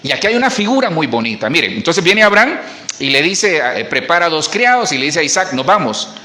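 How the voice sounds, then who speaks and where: A man's voice: a little high, big pitch swings, fast, pushed and bright. A man preaching a sermon as pastor, talking to the congregation in a conversational way with asides and restarts. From Colombia. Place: church.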